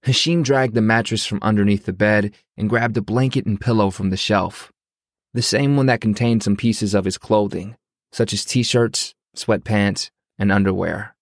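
A man narrating an audiobook in a measured, even storytelling manner. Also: fairly low pitch, no echo, clean studio sound. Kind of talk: scripted narration.

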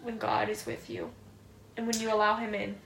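A woman's voice: medium pitch, little pitch movement, moderate pace, vocal fry, fairly bright tone, echoey room, a little hiss or hum, low-quality recording. A woman co-hosting a casual podcast, earnest and reflective, who laughs easily. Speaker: podcast co-host.

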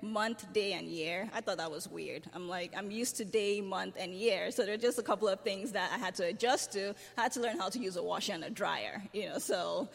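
Nigerian woman sharing her story up front at church, animated, lots of laughs, echoey sanctuary. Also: mid-range voice, a little fast, creaky, hardly any pauses. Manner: lively storytelling, laughs often. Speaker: church member interviewed in a sermon. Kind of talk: personal testimony in a church service. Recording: church hall reverb.

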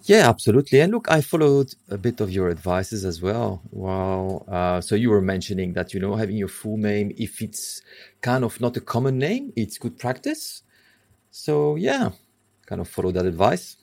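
A man's voice: on the low side, very animated, normal speed, gravelly, a little mellow. A man in his thirties from Congo, talking as a guest in a casual interview, rambling with many fillers and restarts.

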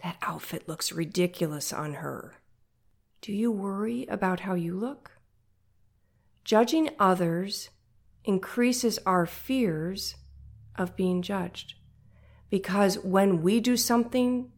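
A woman's voice: mid-range voice, slow pace, pauses often. A woman with a nasal voice talking conversationally as a podcast host, speaking directly and encouragingly to her listeners about faith.

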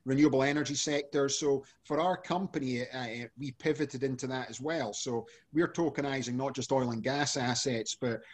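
A man's voice: medium pitch, normal speed, few pauses. A man from Scotland, a guest on a podcast, answering questions in a loose, chatty way with lots of fillers. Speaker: podcast guest, energy company CEO. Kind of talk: casual interview answers.

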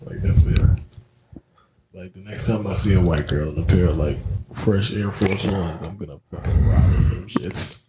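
Young guy on a podcast, kinda low voice, swearing and riffing, lots of hiss behind him. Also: moderate pace. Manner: profane, joking, rambling with many fillers. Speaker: podcast co-host. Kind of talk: casual chat. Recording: noisy low-quality setup.

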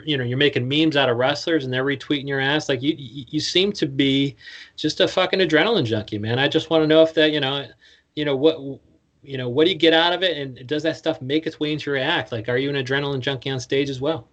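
A man's voice: mid-range voice, fast, a bit bright, muffled recording. A man hosting a casual interview podcast, talking in slangy, swear-filled, run-on questions. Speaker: podcast host.

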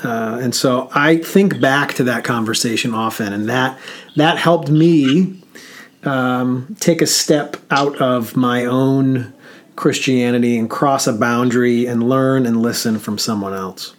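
A man speaking as a podcast co-host, telling a personal story in casual chat, slow and halting with frequent pauses and fillers. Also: medium pitch.

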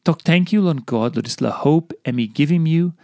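A man with a Papua New Guinean accent reading a devotional aloud in Papua New Guinea pidgin in an expressive way. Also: on the high side, moderate pace, dry recording, studio quality. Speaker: devotional reader.

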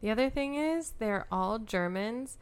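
A woman's voice: on the high side, animated, measured pace, clear, resonant tone. A woman co-hosting a podcast, talking casually about a film and searching aloud for the right word. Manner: searches for words with fillers. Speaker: podcast co-host.

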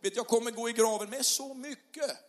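A middle-aged male pastor preaching a sermon in a church hall, conversational with tag questions, rising to loud passionate peaks. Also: very high-pitched, fairly even intonation. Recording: long hall reverb.

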